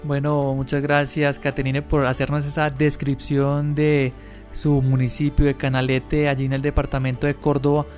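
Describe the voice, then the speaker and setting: A man hosting a radio program, asking interview questions in measured, formal phrasing. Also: mid-range voice, monotone, darkish tone. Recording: muffled radio audio, faint music behind.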